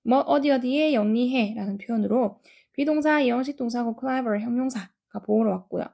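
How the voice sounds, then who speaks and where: A woman teaching English grammar, explaining each sentence step by step and reading the English lines slowly. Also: a little high, gravelly, dark tone. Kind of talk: grammar lesson.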